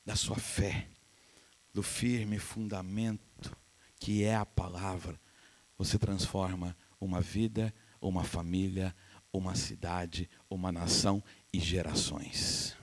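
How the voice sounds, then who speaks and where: Deep-voiced and slow, the middle-aged Brazilian pastor delivers a storytelling sermon. He brings each character to life by acting out their voices, staying animated and laughing with the congregation.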